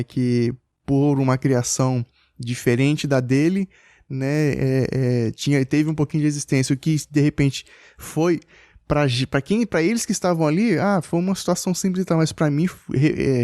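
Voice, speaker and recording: A man's voice: a little high, dark tone, dry recording, clean studio sound. A man tells a personal story as a father in a casual podcast chat, hesitant and full of restarts.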